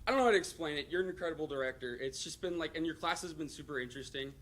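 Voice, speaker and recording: A young man giving a halting, self-conscious thank-you speech, full of fillers. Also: fairly high pitch, animated, a bit bright.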